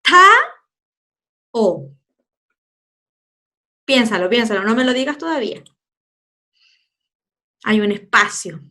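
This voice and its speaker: A woman teacher with a Chilean Spanish accent, giving a children's phonics lesson with slow, drawn-out word demonstrations and playful asides. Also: fairly high pitch, lively intonation, pushed and bright. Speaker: primary school teacher.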